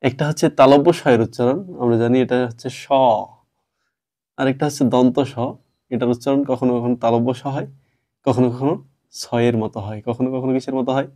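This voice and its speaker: A man teaches a grammar lesson. He walks through each point step by step and keeps asking his students questions as he goes. His voice sits at an ordinary middle pitch. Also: fairly even intonation, quick pace, dark tone. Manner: explains step by step, asks the class questions.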